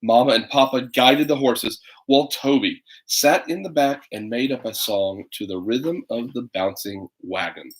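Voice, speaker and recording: The recording is rough as a man in his thirties chats casually and reads a kids' picture book online, rambling hesitantly with playful asides. A parent, he speaks at medium pitch and normal speed with few pauses.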